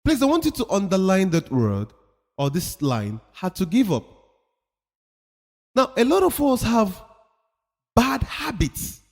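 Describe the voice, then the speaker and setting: A man's voice: high-pitched, huge pitch swings, a little slow, long pauses, darkish tone. A man giving a motivational talk, emphatic and preachy, repeating his points for effect. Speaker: motivational speaker. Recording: long reverb of a hall.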